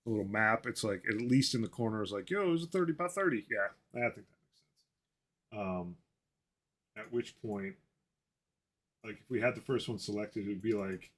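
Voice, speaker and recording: A man's voice: lowish voice, fairly even intonation, normal speed, pauses often, a bit bright. A man who designs games, talking through ideas at a casual work meeting and thinking aloud with lots of fillers and self-corrections. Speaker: game designer.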